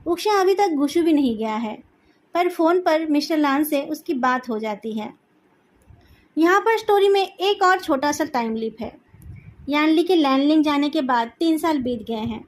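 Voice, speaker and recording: A woman reading a fan fiction story aloud in a calm, even narrating manner. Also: sits high, normal speed.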